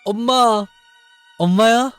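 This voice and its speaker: A man voicing a frightened young girl who pleads in a high, tearful voice. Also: slow pace, fairly bright tone, clear, resonant tone, dry recording, faint music behind, exaggerated voice. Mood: pleading. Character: frightened young girl searching for her father.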